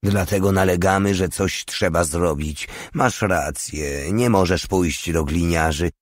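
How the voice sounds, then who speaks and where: A man reading aloud voices a hardened legionnaire, calm and coldly practical. The voice is low, in a dry, close recording. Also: a little slow, no echo. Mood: cool. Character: cool, hardened male legionnaire.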